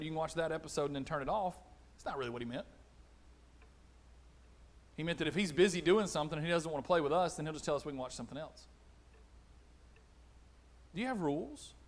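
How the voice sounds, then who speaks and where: A middle-aged man preaching a conversational sermon, animated, acting out little exchanges. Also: a little high. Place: church auditorium.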